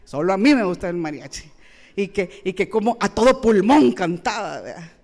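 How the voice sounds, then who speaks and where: A woman's voice: medium pitch, animated, moderate pace, a little mellow. A woman pastor, preaching a sermon with rhetorical questions and playful asides.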